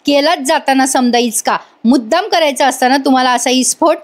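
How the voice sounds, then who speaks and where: A harsh, short-tempered middle-aged man who scolds and snaps at everyone, read out by a woman in a recap voice-over. The voice sits high, near the woman's own register. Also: brisk, close to an everyday voice. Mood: angry. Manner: snapping and scolding.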